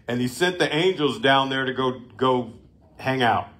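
A middle-aged man teaching a Bible lesson to a group, conversational, with restarts, lively emphasis and laughs. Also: mid-range voice, a little slow.

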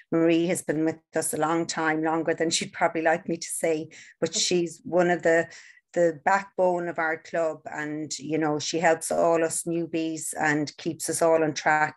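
A woman accepting an award on another person's behalf over a video call, hesitant and using many ums. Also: low-pitched. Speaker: club member speaking on behalf of an award winner.

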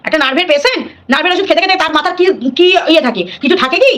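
Fast-talking, high-voiced woman ranting. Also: fairly bright tone. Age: middle-aged. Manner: scolding, defiant, repeats her points. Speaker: live-stream host. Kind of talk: ranting live stream.

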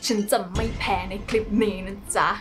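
A woman's voice: medium pitch, brisk, music in the background. A woman from Thailand with a Thai accent, hosting her vlog in a chatty, playful way. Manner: chatty and playful, often laughing. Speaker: host. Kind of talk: bubbly vlog chat.

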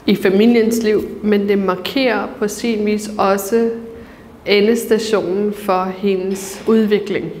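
A woman in her thirties, an author, giving a reflective interview in an earnest, thoughtful way, pausing often. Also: medium pitch, a little mellow, a little hiss or hum. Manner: earnest, thoughtful, with many pauses and fillers. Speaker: author and debater. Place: large museum gallery. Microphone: lapel mic. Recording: reverberant gallery hall.

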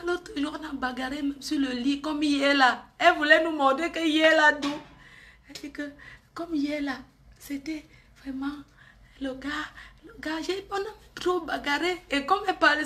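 A woman's voice: high-pitched, normal speed, bright, forceful tone. A woman, chatting and gossiping on a live stream, teasing and often laughing.

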